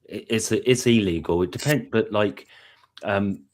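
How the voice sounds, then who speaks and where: A man's voice: on the low side, measured pace, slight background noise. A British man in casual live-stream chat, explaining at length with many fillers and restarts. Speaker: panel guest.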